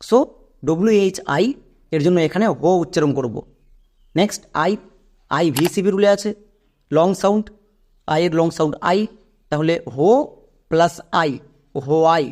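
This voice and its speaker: Higher-voiced man teaching English pronunciation. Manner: spells letters out slowly, checks in with "clear?". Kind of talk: Bengali spoken lesson on English phonics.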